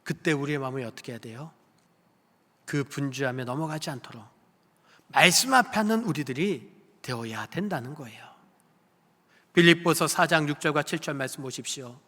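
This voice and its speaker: A man's voice: fairly high pitch, moderate pace, long pauses, sharp tone. A male pastor preaching a sermon with emphasis, putting questions to the congregation. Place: church sanctuary. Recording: long church hall reverb.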